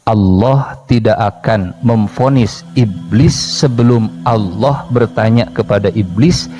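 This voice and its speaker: A male preacher with a Sundanese accent giving a lively, joking sermon and speaking straight to his congregation. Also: medium pitch. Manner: lively, joking, addresses the audience directly. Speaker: Islamic preacher. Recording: music playing underneath.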